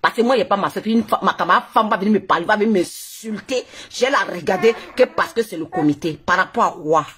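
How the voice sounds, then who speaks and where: A woman's voice: medium pitch, quick pace, few pauses, a bit bright. A woman with an Ivorian French accent, a blogger ranting on a Facebook live stream into her phone, mocking and scolding with a lot of laughter. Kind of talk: heated live-stream rant.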